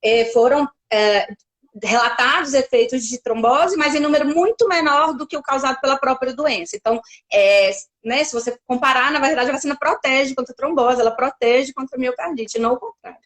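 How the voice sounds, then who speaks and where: A woman's voice: high voice, brisk, a bit bright. A woman from Brazil, a pediatric doctor, explaining things carefully in a casual interview, with many fillers and restarts.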